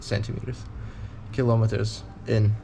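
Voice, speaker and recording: A man's voice: on the low side, flat delivery, normal speed, vocal fry, mellow, a little hiss or hum. A man in his twenties talking casually to camera in a travel vlog, candid and rambling, with a blunt edge. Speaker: touring cyclist vlogger.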